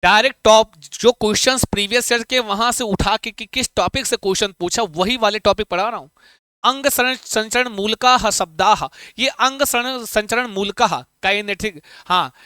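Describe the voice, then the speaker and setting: Male Sanskrit tutor, smooth and clear, dry close-mic sound, coaxing with questions. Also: high-pitched, pushed and bright, no room sound. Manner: coaxing, asks students questions; chants Sanskrit verse slowly. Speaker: Sanskrit teacher. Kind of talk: online exam-prep lesson.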